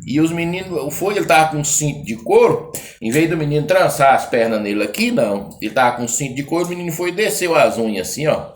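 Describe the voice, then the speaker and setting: A man's voice: on the high side, expressive, fast talker. Man, caipira accent, folk tale storyteller, casual, rambling, colloquial. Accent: Brazilian caipira.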